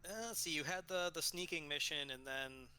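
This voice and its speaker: A man's voice: fairly high pitch, normal speed, bright, forceful tone, clean tone. A man acting as game master in a casual chat, wry and hesitant with his words. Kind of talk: casual chat among tabletop players.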